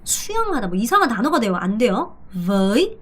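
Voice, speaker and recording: A middle-aged woman teaching a language in a video lesson, repeating phrases slowly for drilling with playful asides, a native Korean speaker. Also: a little high, very animated.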